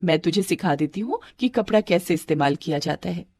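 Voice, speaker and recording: A woman voicing a poor mother who explains things calmly and reassuringly to her daughter. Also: on the low side, a little fast, no echo. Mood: tender. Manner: calm, reassuring. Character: poor loving mother, calm and tender.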